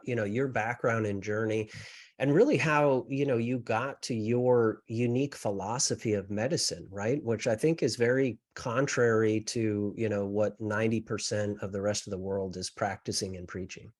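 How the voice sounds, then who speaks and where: A man hosting a podcast interview, chatting casually and tagging his sentences with "you know" and "right?". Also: lowish voice. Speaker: podcast host.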